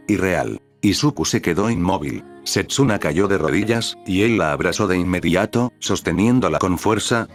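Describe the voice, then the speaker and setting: A man with a very deep, low voice narrates a dramatic fan-fiction chapter in a steady, even reading. Faint music plays softly behind him throughout the story.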